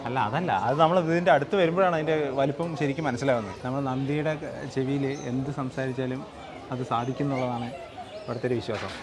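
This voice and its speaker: A man's voice: mid-range voice, fairly even intonation, quick pace, crowd noise. A man with a Malayali accent chatting as co-host of a travel vlog outdoors at a temple. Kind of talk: casual chat.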